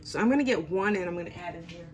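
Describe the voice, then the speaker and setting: Racing along in a lowish voice, a home cooking show host chats through a casual demonstration in her kitchen, self-deprecating throughout. Illness has left her voice sounding a little under the weather.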